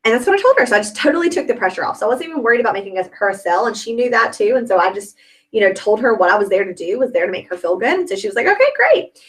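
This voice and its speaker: A woman's voice: medium pitch, lively intonation, rapid-fire, poor audio. A young woman coaching a sales team in a chatty, upbeat way, often checking in with "okay?". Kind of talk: sales training talk.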